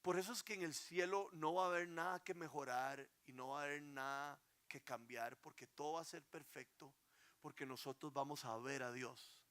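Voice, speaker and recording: A young male pastor delivers a sermon in an earnest voice. His tone is bright and forceful, set a little high. He swells into emphatic peaks, then drops to a soft hush. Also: fairly even intonation, normal speed.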